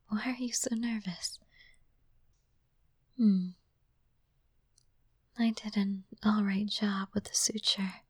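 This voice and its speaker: A woman voicing a gentle, caring young princess and future queen, speaking in a slow, soothing whisper close to the microphone. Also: mid-range voice, breathy edge, dry recording. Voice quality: soft unvoiced whisper. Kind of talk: whispered ASMR roleplay.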